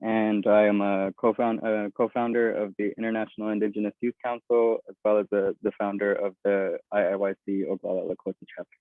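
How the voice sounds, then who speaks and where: A man introduces himself in a measured, ceremonial way. His low voice barely rises or falls. The call audio is tinny and phone-like. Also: little pitch movement, no echo. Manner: measured and ceremonial, opens with a traditional greeting. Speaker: youth council co-founder. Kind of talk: formal self-introduction.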